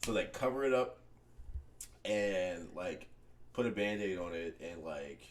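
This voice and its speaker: A man's voice: deep voice, animated, unhurried. A man hosting a podcast, telling a story in a loose, profane way and laughing often. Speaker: podcast host.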